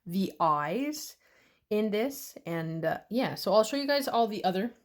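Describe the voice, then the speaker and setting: A woman's voice: mid-range voice, animated, a little slow. A Canadian woman hosting a nail art tutorial, chatting casually and playfully with jokes and silly sounds. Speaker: nail art channel host.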